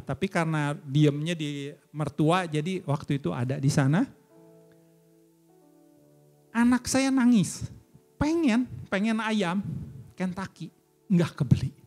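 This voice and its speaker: A middle-aged man, preaching a sermon as a church elder and telling his own story with emotional, fervent swells. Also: darkish tone. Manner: emotional storytelling, rising to fervent high peaks. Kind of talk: sermon with personal testimony.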